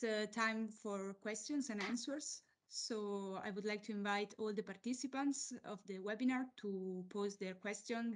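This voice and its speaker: A woman moderating an online question session in a polite, measured way. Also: medium pitch. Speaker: webinar moderator.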